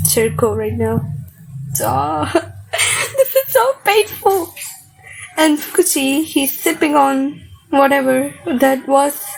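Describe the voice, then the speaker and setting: A young woman casually reacting to a manga chapter, reading panels aloud between excitable, slangy asides. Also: high-pitched, creaky, rough recording.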